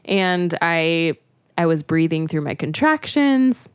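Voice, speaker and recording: A young woman tells her story in a relaxed, chatty way as a podcast guest, sprinkling "like" through her sentences. Her voice sits fairly low for a woman, and the recording is dry and close. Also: slow, smooth, no room sound. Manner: chatty, frequent "like" fillers. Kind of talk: casual personal storytelling.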